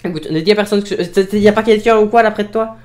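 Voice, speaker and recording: High-voiced Belgian man, echoey room. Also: racing. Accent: Belgian French. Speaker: role-play gamer. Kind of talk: casual improvised role-play dialogue.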